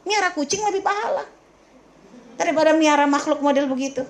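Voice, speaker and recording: A woman's voice: high-pitched, brisk, a crowd in the background. A woman religious teacher giving a lecture in a question-and-answer session, emphatic and scolding, full of rhetorical questions and speaking familiarly to her listeners.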